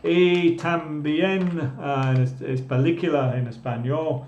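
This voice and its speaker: A male English teacher leading a live online language class, speaking deliberately and repeating key words and definitions for his students. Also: fairly high pitch, steady tone, darkish tone, roomy sound, muffled recording, a little hiss or hum.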